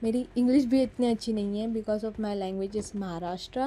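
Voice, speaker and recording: Recorded on a phone mic with slight background noise, this mobile gaming YouTuber has a mellow, medium-pitched voice at a moderate pace. She's a Marathi speaker from Maharashtra, India, with a Mumbai Hindi accent, narrating her mobile gameplay chattily, poking fun at herself, and mixing Hindi with English.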